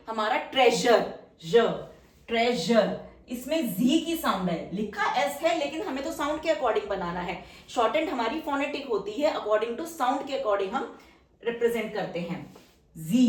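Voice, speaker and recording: A woman's voice: a little high, distant mic. A woman teaching a shorthand lesson at a whiteboard, patiently checking that her students follow. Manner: patient, checks understanding often. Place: roomy classroom-like space, drawing with a marker. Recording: echoey room, voice heard from afar.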